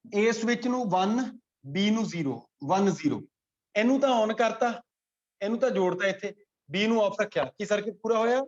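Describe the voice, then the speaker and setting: High-voiced Punjabi man teaching physics. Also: lively intonation, a little fast. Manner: quizzes students by name, repeats points. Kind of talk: classroom lecture. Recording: dull lo-fi classroom recording.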